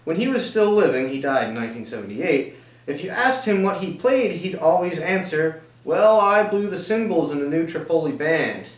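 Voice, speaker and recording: A man with a slightly high voice works as co-host in a casual, comic chat. He puts questions in a playful, querying way. He is heard in an echoey room, a little away from the microphone. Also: lively intonation, moderate pace. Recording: roomy, echoey, distant microphone.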